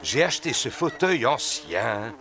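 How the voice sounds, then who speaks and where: A man's voice: medium pitch, big pitch swings, measured pace. A man voicing a jolly, good-natured father pig in a French-dubbed preschool cartoon. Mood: proud. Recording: music behind the voice.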